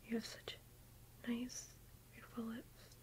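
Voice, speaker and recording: Whispering young woman, soft and hushed. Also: fairly high pitch, monotone, slow. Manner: soft unvoiced whisper, gushing compliments; rambling with fillers like "like" and "um". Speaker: ASMR YouTuber. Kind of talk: whispered ASMR makeup roleplay.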